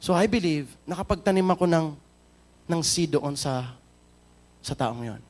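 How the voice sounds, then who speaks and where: With a fairly high, animated voice and a darkish tone, a Filipino pastor preaches at a measured pace. He tells a story, questions the congregation, and moves between Tagalog and English.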